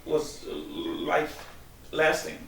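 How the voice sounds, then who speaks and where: Drawing out his words in a somewhat bright voice, a middle-aged man from Guyana responds to interview questions as a guest, hesitating with lots of ums and restarts. The audio is echoey, picked up by a distant mic with faint hiss.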